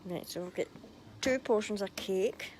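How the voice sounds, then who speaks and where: A woman's voice: medium pitch, a little slow, background noise. Chatty Scottish woman off camera. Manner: cheerful, chatty, reads out viewer comments. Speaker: presenter behind the camera. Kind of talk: casual chat on a cooking livestream. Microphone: phone held by the speaker.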